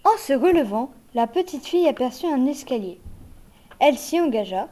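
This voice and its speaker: A woman reading a children's fairy tale aloud in a gentle, measured way. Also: high-pitched, animated, noisy background. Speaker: narrator.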